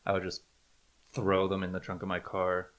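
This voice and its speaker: A man's voice: sits low, completely flat delivery, normal speed, fairly bright tone. A man co-hosting a casual podcast, trading dry, easygoing jokes. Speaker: podcast co-host.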